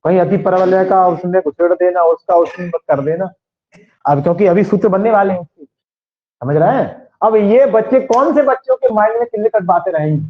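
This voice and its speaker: Fairly quick and high-voiced, a man with a western Uttar Pradesh Hindi accent runs a maths lesson, quizzing the class and repeating important points. The recording is lo-fi, dull and echoey, made in a classroom.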